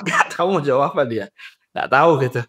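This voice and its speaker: Young man guest, chatty explainer, acts out quoted exchanges, mid-pitched voice. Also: brisk, a little hiss or hum. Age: young adult. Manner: lively explainer who acts out dialogues and laughs at his own points. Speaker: guest, graduate psychology student and trainer. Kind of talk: casual interview talk.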